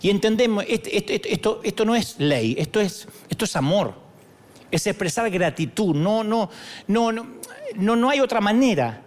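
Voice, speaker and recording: A middle-aged pastor with a Rioplatense Spanish accent preaches at a moderate pace, his voice high for a man and swooping up and down. He's animated and joking, acting out dialogues.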